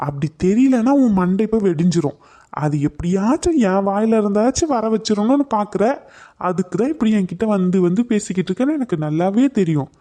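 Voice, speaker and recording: A sulky young cartoon grandson, voiced by an actor, answering back with sarcasm. The voice is dark and mellow, at an ordinary pitch. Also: animated, fairly quick, natural voice. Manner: sullen, sarcastic. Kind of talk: cartoon comedy acting.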